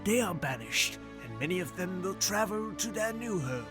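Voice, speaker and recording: A man's voice: high voice, sing-song, music in the background. A man putting on a mock-solemn wildlife narrator. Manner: mock-solemn, slow, hushed. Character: hushed male nature-documentary narrator parody.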